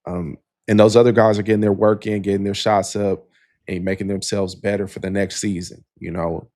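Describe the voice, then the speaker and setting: A lower-voiced man co-hosting a sports podcast in an easygoing, rambling way. He leans on "you know" as he thinks aloud. The recording is close and dry. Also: flat delivery, brisk, darkish tone, no echo. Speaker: podcast co-host. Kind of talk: casual sports podcast chat.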